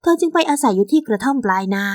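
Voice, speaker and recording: A woman narrating a scripted bedtime radio story in a calm, even storytelling manner. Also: fairly high pitch, rapid-fire, no room sound, clean studio sound.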